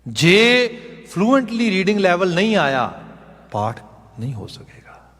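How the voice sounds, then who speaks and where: Higher-voiced preacher man in a reverberant hall. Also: sing-song, a little slow, fairly bright tone. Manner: explains step by step, mixing in English phrases. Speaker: Sikh preacher. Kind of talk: sermon lecture. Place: gurdwara hall.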